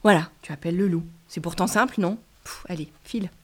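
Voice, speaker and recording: Lady putting on a worn-out dad brushing his kid off, low and muttering. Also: brisk, breathy edge. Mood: weary. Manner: weary, low, half-muttered. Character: tired, dismissive father.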